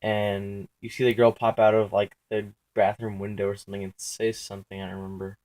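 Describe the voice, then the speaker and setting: A young man with a somewhat low voice talks through his dreams in a loose, unscripted ramble. He keeps stopping to correct himself, fills the gaps with filler words and swears freely. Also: level tone, brisk, a little mellow. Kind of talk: casual spoken dream recounting.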